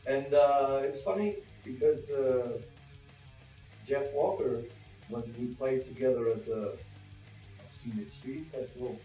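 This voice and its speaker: A man's voice: mid-range voice, slow, mellow. A man from Chile, a guest in a band, speaking casually and thinking aloud with hedges. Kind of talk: casual interview chat. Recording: very echoey distant mic with faint music.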